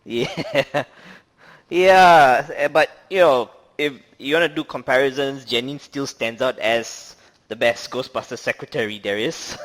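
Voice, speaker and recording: A man's voice: medium pitch, unhurried, a bit bright. Laughing man rambling in casual review chat. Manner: laughs often, rambling with many fillers. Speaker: podcast co-host.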